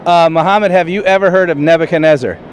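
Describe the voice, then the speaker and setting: High-voiced man interviewing people outdoors. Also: fast talker, muffled recording, slight background noise. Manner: plain, hesitant talk with frequent "uh" and restarts. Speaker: street interviewer and show host. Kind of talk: street interviews and direct-to-camera intro.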